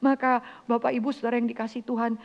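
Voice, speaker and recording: A woman's voice: fairly high pitch, flat delivery, fast talker, creaky, muffled recording. A woman vicar preaching a sermon in an earnest way, acting out the voices she quotes.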